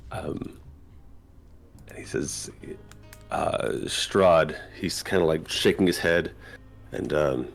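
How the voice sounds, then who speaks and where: A man narrating as dungeon master in a tabletop game, talking in a hesitant way with many ums and frequent laughs. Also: very deep voice.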